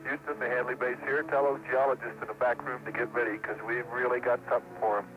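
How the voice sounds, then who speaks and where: A man, an astronaut, giving brisk, clipped reports over a crackly space radio link. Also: medium pitch, level tone, soft background music. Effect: crackly space radio transmission. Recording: tinny archival radio link from far off.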